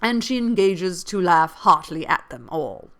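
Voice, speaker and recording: A woman reading as a gallant, teasing young gentleman. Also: on the low side, very animated, moderate pace.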